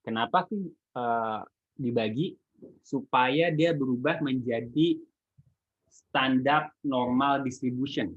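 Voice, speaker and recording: A man's voice: mid-range voice, slow, pauses often. A man with a Jakarta Indonesian accent and a slightly imprecise R, lecturing informally and often checking that listeners follow. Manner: colloquial, checks understanding with frequent tags. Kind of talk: informal online statistics lecture. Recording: echoey, muffled phone-like call sound.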